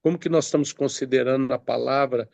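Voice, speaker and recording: A man's voice: mid-range voice, fairly even intonation, fast talker, creaky, darkish tone, no echo, dull audio. A man preaching a sermon, reading scripture aloud and explaining it with many hesitant fillers and restarts.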